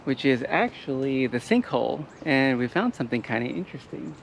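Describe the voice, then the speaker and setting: Guy vlogging on a hike, kinda gravelly, easygoing, talks with lots of ums. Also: medium pitch, fairly quick, slight background noise. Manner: relaxed, explanatory, with fillers. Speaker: travel vlogger. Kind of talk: casual hiking vlog chat. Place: outdoor wooded trail.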